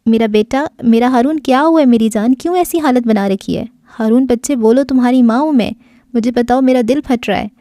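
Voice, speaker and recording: A woman's voice: fairly high pitch, few pauses, warm tone, no echo, clean studio sound, natural voice. A woman voicing a tearful, anxious mother. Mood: tearful worry. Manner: soothing, pleading, tearful. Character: anxious, tender middle-aged mother.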